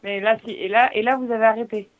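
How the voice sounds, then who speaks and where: A woman taking calls as a helpline operator over the phone, asking and answering in a hesitant, halting way. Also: on the high side, steady tone, phone-quality sound, soft background music. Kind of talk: phone conversation.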